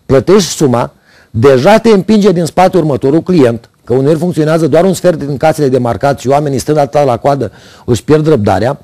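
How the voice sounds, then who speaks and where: This voice belongs to a middle-aged man hosting a TV opinion segment: slightly high and dark in tone. He reads scripted, sardonic, ironic complaints at a studio desk into a lapel mic, and the recording carries no echo.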